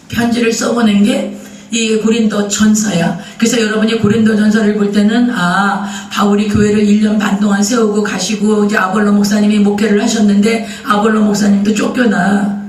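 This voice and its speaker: A man preaching a sermon as pastor, telling a story in a lively way and asking the congregation questions. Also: high-pitched, roomy sound, distant mic, rough recording. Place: church sanctuary.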